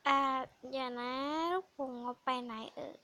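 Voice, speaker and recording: Bright high-voiced young girl chatting about a game. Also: little pitch movement, moderate pace. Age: school age. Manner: chatty, playful, now and then swears. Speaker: vlogger. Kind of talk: casual game commentary.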